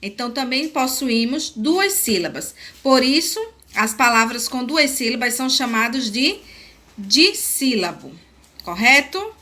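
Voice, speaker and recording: A woman teacher with a Brazilian accent giving a lesson, speaking slowly and spelling words out syllable by syllable. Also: on the high side, big pitch swings, sharp tone. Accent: Brazilian Portuguese. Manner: slow, deliberate, spelling out syllables. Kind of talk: recorded classroom lesson.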